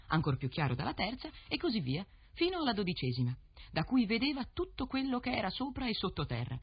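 Fairy-tale reader, expressive, very husky, lively pitch, dull lo-fi sound. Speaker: storyteller. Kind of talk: reading a fairy tale aloud.

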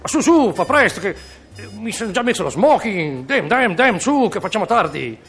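A man's voice: high-pitched, very animated, a bit bright, slightly rough, voice pushed up, full character voice. A man voicing a flustered, stammering rich husband in a radio comedy sketch. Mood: exasperated. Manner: stammering, hurried, exasperated.

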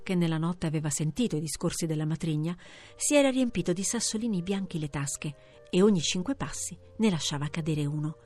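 Woman, storybook reader, husky low voice, measured fairy-tale narration, soft music behind. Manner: measured storytelling, slowing for effect.

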